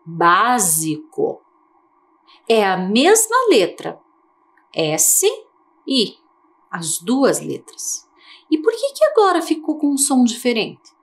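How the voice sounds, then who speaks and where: A woman teacher from Brazil giving a televised lesson to young children, slow and coaxing, asking many questions. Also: a little high, huge pitch swings. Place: TV studio.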